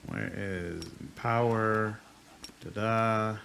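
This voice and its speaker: A man's voice: fairly low pitch, very slow, vocal fry, fairly bright tone, a little hiss or hum. A man commenting on and narrating a video game as he plays. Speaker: gamer, let's play host. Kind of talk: casual game commentary and dramatic read-aloud narration.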